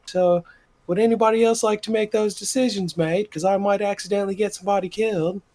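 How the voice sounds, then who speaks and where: A man voicing a cheeky, chatty male bard in a tabletop game, speaking loudly and stretching his words out. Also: high voice, steady tone, quick pace, slight background noise, lightly acted. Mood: cagey.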